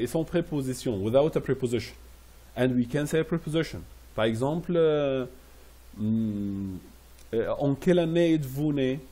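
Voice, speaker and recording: Husky dark-voiced guy teaching french phrases, says each one over and over real slow. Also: mid-range voice. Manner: explains French phrases in English, repeating each slowly. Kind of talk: classroom phrase lesson.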